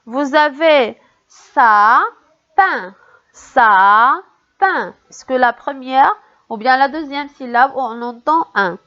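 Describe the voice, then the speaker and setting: A woman with a high voice leads a reading lesson for small children. She speaks slowly and repeats each word with care so young listeners can catch the sounds. The recording sounds dull and lo-fi. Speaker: primary school teacher.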